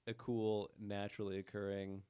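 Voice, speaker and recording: A man's voice: lowish voice, flat delivery, moderate pace, warm tone, smooth. A man hosting a casual podcast chat, laid-back and jokey, talking straight to his listeners. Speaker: podcast host and real estate agent.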